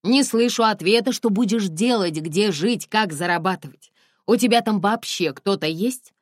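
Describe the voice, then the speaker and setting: Женщина озвучивает грубоватого мужчину-водителя. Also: female voice, mid-range voice, normal speed, no room sound, clean studio sound, voice pushed up, lightly acted. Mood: lecturing. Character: grown man, driver, gruff but caring.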